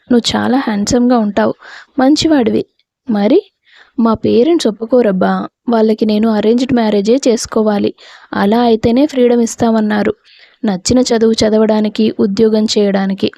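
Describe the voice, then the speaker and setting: Woman voicing a gentle dutiful young woman. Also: on the high side, steady tone, normal speed, creaky, dry recording. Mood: apologetic. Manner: gentle, apologetic. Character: young woman, dutiful daughter refusing a suitor.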